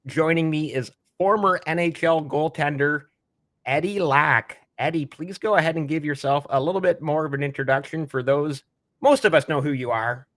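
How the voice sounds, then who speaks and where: A man's voice: a little high, normal speed, a bit bright. A Canadian man hosting a podcast, asking eager, rambling questions of his guest. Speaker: podcast host. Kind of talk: podcast interview.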